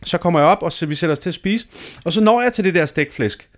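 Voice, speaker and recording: A man's voice: fairly high pitch, animated. A man in his thirties telling a dramatic, self-mocking story in a casual chat, swearing freely.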